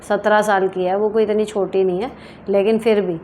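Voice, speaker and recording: A woman's voice: medium pitch, little pitch movement, moderate pace, a little mellow, slight background noise. Frank Hindi woman giving advice. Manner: frank, direct, reads questions aloud then answers plainly. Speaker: advice show host. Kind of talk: casual advice talk answering viewer questions.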